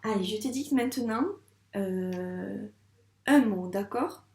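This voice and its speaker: Slow, patient French teacher woman. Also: medium pitch, gravelly, darkish tone. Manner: slow, patient, sounds out syllables. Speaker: first-grade teacher. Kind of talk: dictation lesson for a child. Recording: echoey room sound.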